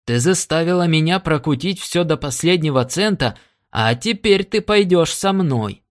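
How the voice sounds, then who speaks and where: A man's voice: fairly high pitch, animated, normal speed, pitched above the performer's own voice, close to an everyday voice. A man voicing an angry, bullying red-faced miner who roars his words in an audiobook. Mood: menacing. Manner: roaring.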